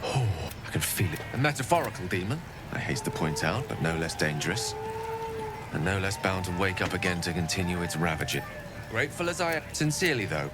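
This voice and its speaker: An actor playing a courtly, theatrical wizard in a video game, eloquent and earnest. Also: male voice, sits low, very animated, fairly quick. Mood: grateful, grave. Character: courtly, theatrical male wizard with urgent secret hunger. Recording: game music behind the voice.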